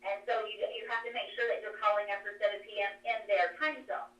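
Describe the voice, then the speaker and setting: A woman's voice: medium pitch, little pitch movement, brisk, fairly bright tone. A woman coach calling in by phone and explaining her methods step by step, her voice echoing like she is in a cave. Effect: cave-like echo over a phone line. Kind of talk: presentation on a conference call. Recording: echoey distant phone line.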